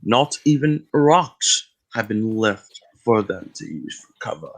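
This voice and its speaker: A man's voice: on the low side, very animated, slow, poor audio. A man co-hosting a podcast, reading fan fiction aloud in a plodding way, stumbling over words now and then. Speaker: podcast co-host.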